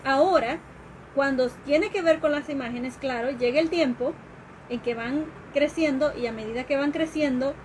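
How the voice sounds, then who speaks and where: A woman educator giving an informal live-streamed talk, explaining slowly and carefully, with fillers and restarts. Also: high voice, darkish tone, a little hiss or hum, low-quality recording. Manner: explanatory, with fillers and restarts, acts out quoted questions.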